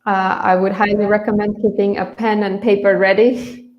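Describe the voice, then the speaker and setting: A woman from Bangladesh who grew up in Dhaka hosts an online English lesson as a webinar teacher, explaining things informally and a little hesitantly. Her medium-pitched voice is flat in delivery and moderate in pace. The audio sounds dull, with a roomy, echoey quality.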